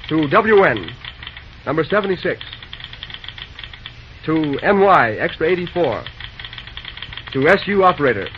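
An actor playing a busy young railroad dispatcher in an old-time radio drama, talking briskly in folksy slang. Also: male voice, a little high, sing-song. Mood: businesslike. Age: young adult. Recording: dull, noisy old radio recording.

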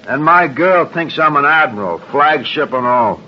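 An actor playing a chatty, cocky young navy galley helper in an old radio drama. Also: male voice, fairly high pitch, expressive, measured pace. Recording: muffled old radio recording, faint noise.

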